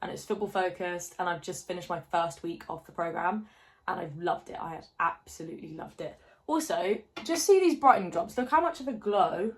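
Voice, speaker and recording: A woman in her twenties, chatting casually while doing her makeup in a get-ready-with-me vlog, rambling with lots of fillers and asides. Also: lowish voice. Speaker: fitness vlogger. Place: home, indoors. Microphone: phone camera held close.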